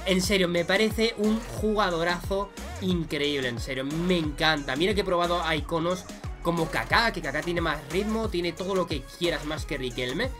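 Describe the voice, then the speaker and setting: A young man with a Spain Spanish accent giving excited gameplay commentary as a gaming YouTuber, swinging between muttered remarks and loud shouts. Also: fairly high pitch, moderate pace, music in the background.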